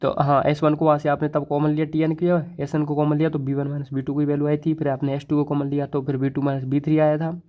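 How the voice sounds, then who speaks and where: A male math teacher with a North Indian accent explains a proof to his students, chatty and repetitive, with frequent fillers. His voice sits a little high for a man. The recording sounds dull and lo-fi. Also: completely flat delivery, fast talker, few pauses. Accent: Hindi-English code-mixing, North Indian. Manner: chatty, repeats "thoda sa" and "theek hai", many fillers and restarts. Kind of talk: casual board lecture. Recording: dull, lo-fi mic.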